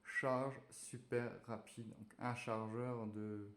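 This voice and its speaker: A man's voice: medium pitch, level tone, takes it slowly, fairly bright tone. A man casually chatting while unboxing a phone, hesitant and full of fillers. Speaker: tech reviewer unboxing a phone. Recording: echoey room.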